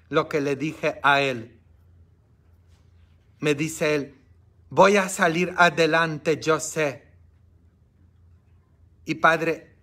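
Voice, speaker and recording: A man preaching as a priest in a lively Bible study, swinging from shouting peaks to hushed asides, with chatty tag questions. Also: fairly high pitch. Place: church.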